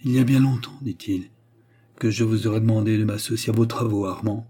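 A man's voice: fairly low pitch, fairly even intonation, a little fast, dark tone, breathy edge. A man playing a humble trembling penitent. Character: humble penitent viscount, feigning contrition.

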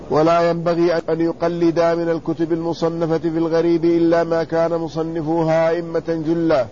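A man teaching a classical text, reading each passage and then explaining it slowly and deliberately. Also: fairly high pitch, dark tone, highs cut off, a little hiss or hum. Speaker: teacher of hadith sciences.

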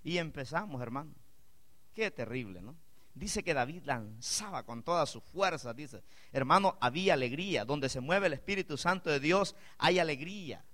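Fiery, high-voiced preacher man. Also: animated, normal speed. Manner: impassioned preaching, building to loud exclamations; conversational asides to the congregation. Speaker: pastor. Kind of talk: sermon.

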